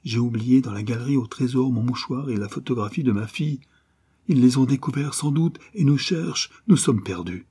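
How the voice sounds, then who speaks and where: A man's voice: medium pitch, normal speed, mellow, husky, pitched above the performer's own voice, lightly acted. A man reading aloud and voicing an anxious mother hiding with fellow refugees in an adventure story. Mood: fearful. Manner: fretful.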